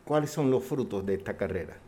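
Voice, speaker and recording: A man's voice: lowish voice, animated, brisk, warm tone. Announcer-style male interviewer. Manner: announcer-like, plugs the show by name. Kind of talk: interview hosting.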